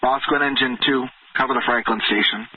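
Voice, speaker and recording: A man makes formal fire dispatch calls over two-way radio. His voice sits at a medium pitch and his delivery is clipped and procedural. The channel is narrow and tinny, with faint hiss and clicks. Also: fairly even intonation, fast talker. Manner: clipped, procedural, repeats back messages.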